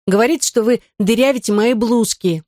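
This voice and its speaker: A woman's voice: on the high side, normal speed, darkish tone, no echo, clean studio sound, pitched above the performer's own voice, lightly acted. A woman voicing an anxious little kindergarten girl with a worried tone. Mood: complaining.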